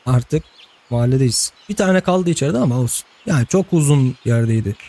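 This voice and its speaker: A man's voice: medium pitch, expressive, fairly quick, mellow. A young man giving casual let's-play commentary, chatting to the game's characters and laughing often. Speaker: gameplay host.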